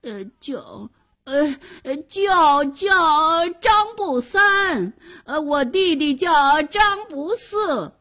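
A woman's voice: high-pitched, expressive, extremely slow, sharp tone, pitched above the performer's own voice, heavily acted. A woman voicing a stammering, sniveling young man pulled from a flood, who stutters and sobs as he pleads.

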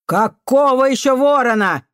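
A spiteful old caretaker woman snarls and shrieks abuse in a raised, loud voice, as a female reader puts her on. Her tirades swing high and low with venom. The recording is dry and close, like a storybook audiobook. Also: expressive, a little slow, no echo. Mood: furious. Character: vicious foul-mouthed old female caretaker.

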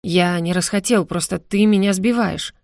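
A woman's voice: on the low side, moderate pace, vocal fry, a little mellow, dry recording, clean studio sound. A woman reading an audiobook voices a breezy, pushy young male student in an offhand, charming way.

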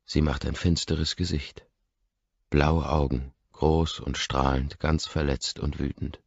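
Male audiobook narrator, extremely low and husky, reads in an intimate, hushed voice; dull, dry recording. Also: flat delivery, slow, no echo. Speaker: audiobook reader. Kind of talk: first-person audiobook narration.

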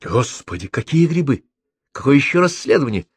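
A man's voice: a little high, big pitch swings, brisk, no room sound, pitched above the performer's own voice. A man reading a story aloud and voicing an anxious, indignant woman professor in a raised voice. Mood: pleading. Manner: anxious, pleading, then indignant shouting. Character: flustered middle-aged woman professor.

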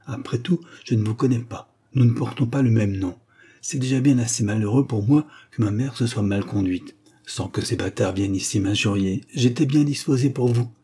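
A man reading a novel aloud and voicing a cold, calm, contemptuous middle-aged oil merchant who talks down to his brother in haughty, formal tones. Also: mid-range voice, moderate pace, breathy edge, close to an everyday voice. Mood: coldly scornful.

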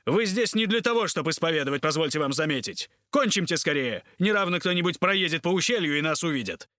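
A man voicing a loud, blustering male army captain in an audiobook, shouting and indignant. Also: a little high, lively intonation, quick pace, no room sound, clean studio sound.

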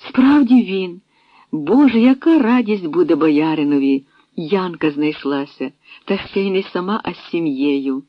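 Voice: medium pitch, expressive, measured pace, no room sound. A frail elderly servant woman, put on by an audiobook reader, speaks in breathless, trembling half-whispers that swoop up and down. Her voice is dry and close, with a dull lo-fi edge. The reading is a folk-tale audiobook. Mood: fretful.

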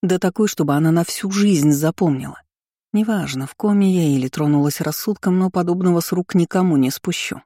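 A woman narrating a first-person novel as an audiobook, in a steady storytelling read. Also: fairly low pitch, a little fast, no echo, studio quality. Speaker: audiobook reader.

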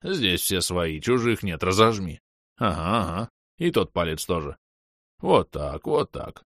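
Burly half-orc man, gruff, coaxing, low voice, as a man puts him on. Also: sing-song, unhurried, fairly bright tone, no room sound, clean studio sound, full character voice. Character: burly easygoing male half-orc warrior.

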